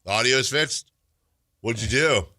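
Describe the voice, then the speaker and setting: On a morning sports radio show, a man trades jokes with his co-host and laughs often, his mid-range voice nasal, pushed, and bright. He talks at a moderate pace in casual banter, captured on a studio microphone in a radio studio with studio-quality sound and no echo.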